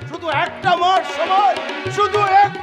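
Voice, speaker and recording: An eerie old servant, rambling and repeating himself in high, strained tones. He talks over loud background music in a live stage recording. The voice rings with a broad theatrical delivery. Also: fairly even intonation, measured pace. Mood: foreboding. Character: old male family servant, rambling, eerie, thought drunk. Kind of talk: live jatra stage acting.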